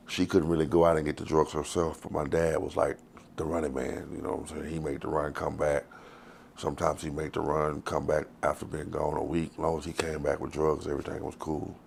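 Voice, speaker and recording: A man's voice: rumbling low, gravelly, slight background noise. A man, telling his life story in a loose, rambling, profane way in an interview. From Texas. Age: 40s. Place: outdoors on the street.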